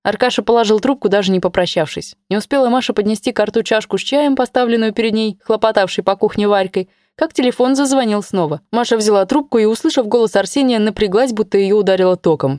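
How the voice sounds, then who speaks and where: Calm woman narrating a story. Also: medium pitch, quick pace, hardly any pauses, dry recording, studio quality. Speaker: audiobook narrator. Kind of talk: scripted narration.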